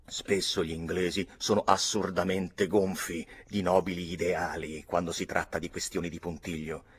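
A man reading a novel aloud in the first person, hushed and often dropping to a whisper. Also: sits low, flat delivery, moderate pace, husky. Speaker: audiobook reader.

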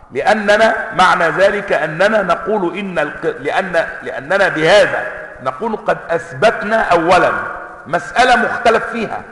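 Bright-voiced sheikh in an echoey hall. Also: male voice, high voice. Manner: reads quoted variant readings slowly and emphatically, then explains in quicker asides. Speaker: sheikh teaching Quranic sciences. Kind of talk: lecture reading and explaining a text. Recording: echoey hall with long reverb.

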